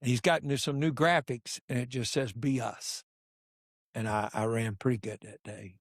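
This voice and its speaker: Older coach, gravelly storyteller acting out each voice, dry close sound. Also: male voice, mid-range voice, fairly quick, no room sound. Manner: animated storyteller acting out dialogue. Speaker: podcast guest, basketball coach. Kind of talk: storytelling in casual conversation.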